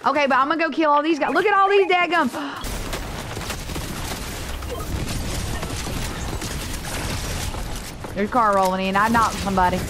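A woman's voice: sits high, expressive, takes it slowly, pauses often. A woman streamer chatting casually over a game, playful, teasing and dramatic. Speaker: gaming streamer. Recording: noisy game audio behind voice.

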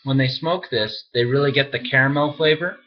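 A man casually reviewing pipe tobacco, talking around a pipe in his mouth with a relaxed, conversational manner. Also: mid-range voice, a little fast. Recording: dull lo-fi audio with faint music.

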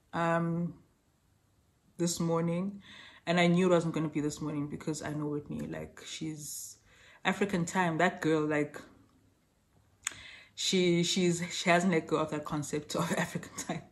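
A young woman chatting to her camera at home, rambling with fillers and small laughs. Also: fairly low pitch. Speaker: vlogger. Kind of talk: casual chat to camera. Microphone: camera mic.

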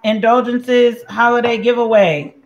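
A woman from Puerto Rico walks viewers through a recipe in her home kitchen, taking her time and chatting as she cooks, sometimes trailing off or chewing between sentences. Her unhurried voice rings off the hard kitchen walls, with a faint hum of ambient noise behind it. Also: fairly high pitch, steady tone, roomy sound, lo-fi sound. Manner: chatty, talks while cooking and chewing, drifts off mid-sentence. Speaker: home cook host. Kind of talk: casual cooking demonstration.

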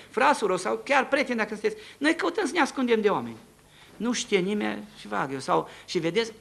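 A man preaching a testimony sermon in a church, telling his story with animated swings between hushed tones and shouts. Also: high voice, gravelly.

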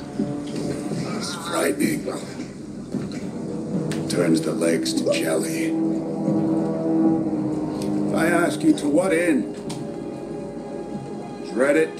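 An actor playing a menacing ancient male demon villain, speaking slowly and calmly in an ominous film monologue. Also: mid-range voice, loud music behind the voice, close to an everyday voice. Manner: slow, calm, ominous delivery. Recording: roomy film audio with loud score.

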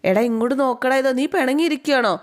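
A woman's voice: high voice, racing, voice pushed up, natural voice. A woman voicing a fiercely protective elder sister who scolds in indignation. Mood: concerned.

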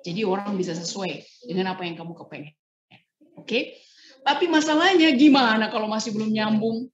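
A woman's voice: mid-range voice, fairly quick, a little hiss or hum. A woman trainer giving a casual online training talk, acting out short example dialogues as she explains. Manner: lively, acts out example dialogues. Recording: roomy, dull lo-fi sound.

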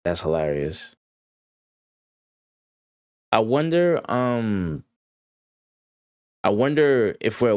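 A man casually reacting to a game trailer, excited and slangy, rambling with frequent restarts. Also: deep voice, no room sound, clean studio sound. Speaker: gaming YouTuber reacting to a trailer.

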